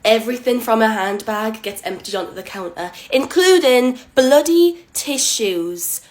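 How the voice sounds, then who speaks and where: Animated woman telling a story. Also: unhurried. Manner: animated, sarcastic, swings between loud bursts and low asides. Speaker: shop cashier. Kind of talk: storytime monologue.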